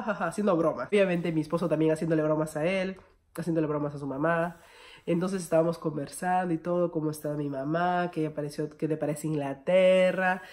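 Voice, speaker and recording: A young woman from Peru with a lowish, darkish voice and a Peruvian Spanish accent tells a casual personal story in a storytime vlog. Chatty and familiar, she keeps calling her viewers friends.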